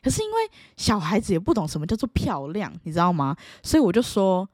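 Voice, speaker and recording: A young woman tells a personal story to camera in a casual, playful way. Her pitch swings widely and often jumps into high excited bursts. The sound is close and dry, with no room echo. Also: fast. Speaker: vlogger.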